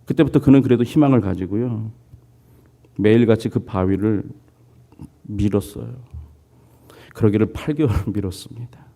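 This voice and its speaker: A man's voice: lowish voice, normal speed, vocal fry, pauses often. A man preaching a sermon as pastor, telling a story, putting on voices for its people and asking the congregation questions. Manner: lively storytelling, voicing characters, asks congregation questions.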